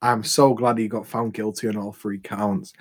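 Young dude podcasting, earnest, talks to the listeners, dry close sound. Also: male voice, on the low side, little pitch movement, moderate pace, darkish tone, dry recording. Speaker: podcast co-host. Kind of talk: casual podcast chat.

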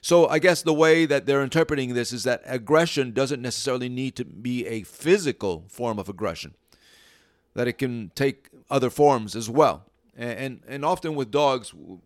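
A man's voice: medium pitch, normal speed, no room sound. Guy dog trainer explaining stuff, chatty, restarts a lot, dry close sound. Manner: conversational, teaches through stories, frequent restarts. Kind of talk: informal teaching talk.

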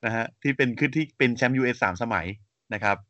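A man's voice: mid-range voice, quick pace, pushed and bright, dry recording. A man co-hosting a casual podcast chat, reading out facts steadily with frequent hesitant fillers and polite sentence endings. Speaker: podcast co-host. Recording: slightly dull muffled audio.

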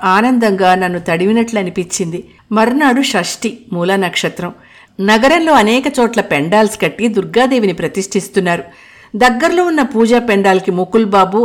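A woman narrating a first-person story in an expressive reading. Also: mid-range voice. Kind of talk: audiobook narration.

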